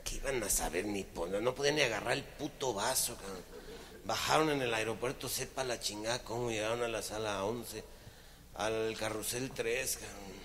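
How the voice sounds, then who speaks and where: A man with a Mexican accent telling crude jokes in animated slang. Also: lowish voice, normal speed, background noise. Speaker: comedian. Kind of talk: stand-up joke telling.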